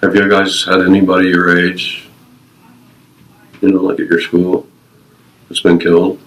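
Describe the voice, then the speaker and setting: Low-pitched and monotone, with a fairly bright tone and a measured pace, a man in his fifties speaks on a low-quality recording. A retired Navy veteran being interviewed, he earnestly shares personal stories and life advice in short, emphatic phrases, repeating them.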